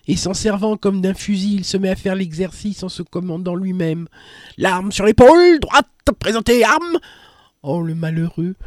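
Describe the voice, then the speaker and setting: A man giving scripted documentary narration in a solemn, measured reading. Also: sits high, dark tone, no room sound, clean studio sound.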